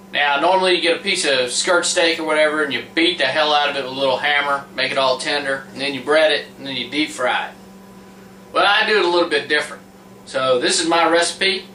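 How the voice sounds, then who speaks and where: This home cook has a high voice and a sharp tone, talking through his recipe in a plain-spoken, folksy, easygoing demonstration. He's recorded from afar in a roomy kitchen where a loud fan keeps humming.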